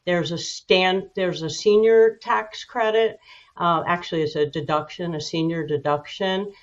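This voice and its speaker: A woman giving measured, informative, slightly halting explanations as an expert guest in a broadcast interview. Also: lowish voice, lo-fi sound.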